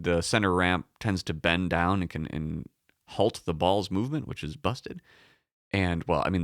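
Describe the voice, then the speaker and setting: A man hosts a casual solo podcast in a lowish voice with a slight morning frog in it. The tone still comes through cleanly, recorded very dry and close. He rambles, corrects himself and leans hard on words, swearing freely. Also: fairly bright tone, clean tone, dry recording. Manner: rambling, self-correcting, emphatic, profane. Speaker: podcast host.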